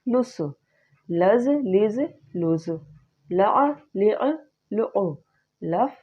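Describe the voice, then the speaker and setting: A woman teaching Urdu reading, slowly sounding out and patiently repeating each syllable. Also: mid-range voice, expressive, warm tone, slightly rough. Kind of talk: slow spelled-out reading lesson. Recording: slightly dull lo-fi sound.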